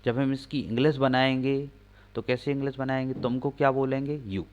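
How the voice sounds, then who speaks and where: A man teaching English grammar, slowly spelling out example sentences word by word and asking questions he answers himself. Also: medium pitch, fairly even intonation. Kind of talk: classroom-style explaining lesson. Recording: slightly dull lo-fi recording.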